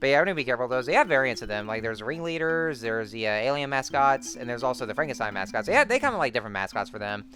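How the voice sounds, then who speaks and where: A man's voice: medium pitch, very animated, racing, hardly any pauses, bright, forceful tone. A man giving casual, rambling game commentary full of fillers and restarts. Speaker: let's-play host.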